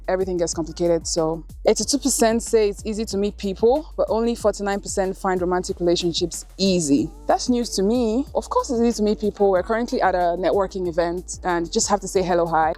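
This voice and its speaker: Young woman, from Nigeria, student, confident, rapid speech, quiet music bed. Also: medium pitch. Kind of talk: interview answers. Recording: soft music underneath.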